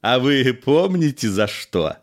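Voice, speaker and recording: A man's voice: medium pitch, very animated, slow pace, pitched above the performer's own voice. A man voicing a sentimental ex-police officer. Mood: reminiscing.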